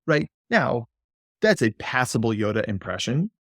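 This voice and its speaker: A clinical psychologist appears as a guest on a podcast interview, speaking in an animated, playful way and slipping into silly voices. He has a mid-range voice and a moderate pace. The recording is dry and studio quality.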